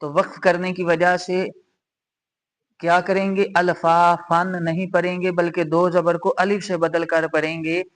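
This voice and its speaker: Slow, patient man teaching recitation rules. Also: sits high, little pitch movement. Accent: Pakistani Urdu. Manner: patient, repeats rules step by step, recites examples slowly. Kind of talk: slow explanatory lesson.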